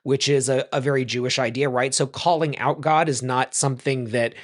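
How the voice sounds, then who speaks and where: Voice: mid-range voice, steady tone, brisk. A rabbi teaching in a loose, chatty way, full of ums and self-corrections, who tells a joke and then explains it. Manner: tells jokes and explains them. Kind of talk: casual teaching talk.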